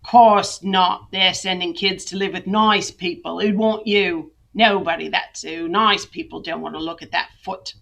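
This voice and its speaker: A woman voicing a cruel, harsh working-class London mother in an attempted Cockney accent, speaking slowly and coldly. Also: deep voice, pushed and bright, exaggerated voice. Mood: cold, scornful. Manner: slow, cold, menacing.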